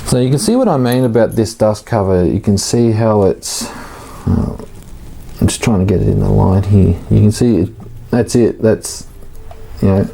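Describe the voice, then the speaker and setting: A man giving a casual, hands-on tutorial, informal and halting as he thinks aloud while working. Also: lowish voice, gravelly, dark tone, a little hiss or hum. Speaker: hobbyist host of an RC car build series.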